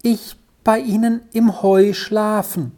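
A timid, ragged young boy, as a woman reader puts him on in a storybook, his voice lifted higher than the narrator's and drawn out slowly. He speaks hesitantly, unsure of himself. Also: steady tone, warm tone. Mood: shy.

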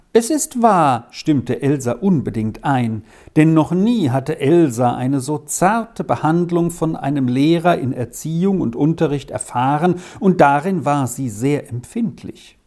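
Low dark-voiced lady reading a storybook aloud, slow and expressive. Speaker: audiobook narrator. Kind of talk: scripted storybook narration.

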